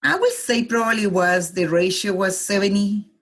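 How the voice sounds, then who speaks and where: A husky-voiced Colombian-born woman in her forties reflects aloud as a guest in a casual interview, laughing easily. Her voice is medium-pitched and a bit bright, at a normal speed.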